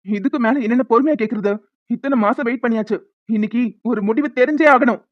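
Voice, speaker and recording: A voice actor playing a hot-tempered young husband in a cartoon, who shouts bitterly and then pleads softly. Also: male voice, very high-pitched, fast, no echo. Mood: angry. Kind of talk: Tamil cartoon voice acting. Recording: dull lo-fi sound.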